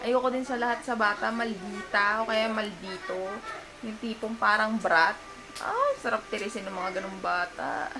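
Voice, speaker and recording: A woman's voice: medium pitch, moderate pace, music in the background, rough recording. A young woman vlogging as a first-time mother, cooing baby talk to her toddler and then chatting frankly to the camera at home. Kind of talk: casual home vlog chat.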